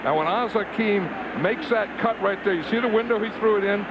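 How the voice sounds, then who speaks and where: Loud stadium din surrounds a high-pitched male football analyst at a live event. He breaks down plays in a conversational, emphatic way, doubling back on phrases as he explains. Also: a little fast, dull audio. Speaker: TV football color commentator. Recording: loud stadium noise behind. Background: loud crowd and stadium din.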